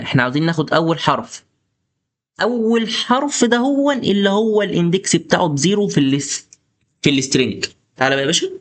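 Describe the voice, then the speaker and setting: Egyptian guy walking you thru c++ at his desk, slightly high voice, chatty and coaxing. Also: fairly bright tone. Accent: Egyptian Arabic. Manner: chatty, coaxing, talks to the viewer directly. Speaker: programming tutor. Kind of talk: casual screen-share coding lesson.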